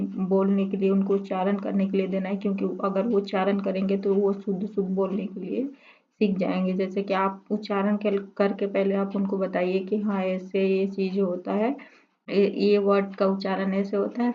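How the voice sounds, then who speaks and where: A woman explains a lesson for trainee teachers in a level, mid-pitched voice that barely rises or falls. She stops and restarts often, filling gaps with hesitations. The recording sounds muffled and lo-fi. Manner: halting, many fillers and restarts. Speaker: teacher-exam tutor. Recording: dull lo-fi recording.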